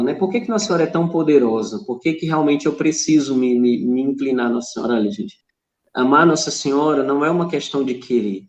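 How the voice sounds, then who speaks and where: A man's voice: medium pitch, a little mellow, echoey room. A man with a Brazilian Portuguese accent, a religious brother telling stories as a podcast guest, acting out dialogue and often adding "né?". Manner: storytelling with quoted dialogue, frequent "né?". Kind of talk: conversational testimony.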